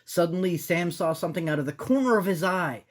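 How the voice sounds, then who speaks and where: A woman storyteller narrating a children's story in an animated style. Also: on the low side, fairly quick.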